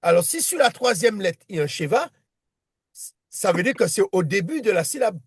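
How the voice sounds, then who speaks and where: A man's voice: high-pitched, big pitch swings, moderate pace, slightly rough, no room sound, clean studio sound. A man teaching a one-on-one reading lesson, patient and repetitive, often restarting his sentences. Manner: patient, repeats himself, many restarts.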